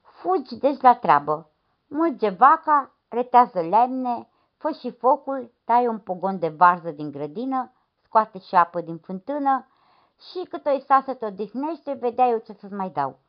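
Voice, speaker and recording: A man's voice: very high voice, very animated, pitched above the performer's own voice. A woman doing a stern greedy village priest. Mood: commanding. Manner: commanding, stern. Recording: dull lo-fi recording.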